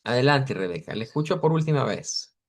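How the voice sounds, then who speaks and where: Guy teaching english sounds on a video call, patient, keeps repeating words slowly. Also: mid-range voice, lively intonation. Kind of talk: online class correcting students.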